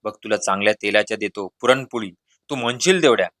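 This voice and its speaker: A man's voice: on the low side, quick pace, a bit bright, no room sound, studio quality, natural voice. A man reading a storybook voices a cunning village exorcist who coaxes, bargains and then bosses the crowd. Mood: coaxing. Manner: coaxing, then bossy and showy. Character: boastful middle-aged village exorcist, cunning and brash.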